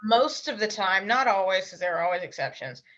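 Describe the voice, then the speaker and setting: A young adult woman, an interview guest and language learner, chats casually in a bright, forceful, mid-range voice that stays animated. She's blunt and emphatic, throwing in quick asides, and the dull, lo-fi audio sounds like a remote call.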